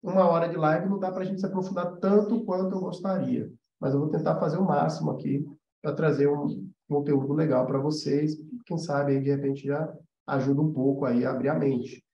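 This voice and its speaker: Speaking at a fairly quick clip with a steady tone and fairly high pitch, a Brazilian-accented man mentors animation students in an informal livestream. He explains in a chatty way and frequently checks in with viewers. The recording echoes like a big room and comes across muffled.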